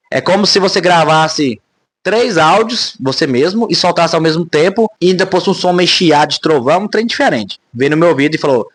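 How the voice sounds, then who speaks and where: A man's voice: a little high, no room sound. A man, talking casually to camera in a rambling vlog monologue, often ending phrases with tag questions. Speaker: spiritual vlogger.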